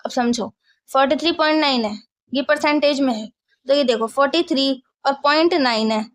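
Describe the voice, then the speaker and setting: A woman's voice: high voice, fairly quick. A woman teaching a maths lesson, explaining step by step and often asking if the class follows.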